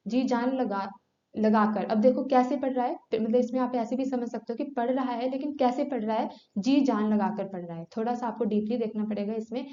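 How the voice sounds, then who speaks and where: Woman teacher going over grammar questions, slightly high voice, roomy dull recording. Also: mellow. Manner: explanatory, rhetorical questions answered herself. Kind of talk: exam-prep grammar lesson. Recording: echoey room, dull lo-fi sound.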